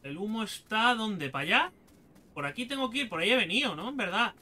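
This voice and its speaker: A man, excitedly commenting as he plays a game, swearing and talking to himself. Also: sits high, fairly quick. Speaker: gaming video host. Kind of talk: let's play commentary.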